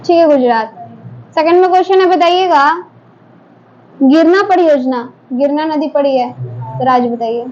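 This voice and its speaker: A woman teacher running a quick quiz drill in a classroom, briskly prompting students to answer one after another. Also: sits high, warm tone. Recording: dull lo-fi classroom recording, faint noise.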